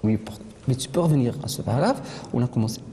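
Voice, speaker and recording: A woman teacher with a rumbling low, dark-toned voice leads a French literature lesson, speaking fast and animated while patiently repeating her pupils' answers. It's recorded from a distance in a noisy, echoey classroom.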